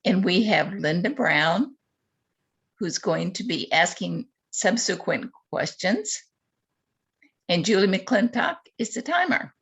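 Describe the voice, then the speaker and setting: A woman's voice: mid-range voice, animated, takes it slowly, a bit bright, breathy edge. A woman interviewing a candidate at a virtual forum, politely reading out questions with a few hesitant asides. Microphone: video call.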